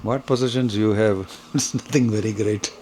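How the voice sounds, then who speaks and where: A man speaks in a fairly deep voice with an Indian accent. He teaches like a guru taking questions at a devotional lecture, explaining firmly and emphatically. There is noticeable background noise in the recording. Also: steady tone, moderate pace, a little mellow. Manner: didactic, emphatic, mixing in Hindi phrases.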